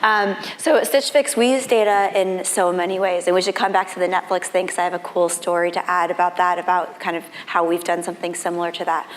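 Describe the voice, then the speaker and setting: A lowish female voice, nearly gone, comes out thin, reedy and squeaky with some rasp. She speaks informally as a panelist, with "like" sprinkled through, in a long-reverb hall. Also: flat delivery, a little fast, hardly any pauses. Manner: informal, frequent "like". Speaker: panelist, fashion company executive. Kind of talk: conversational panel talk.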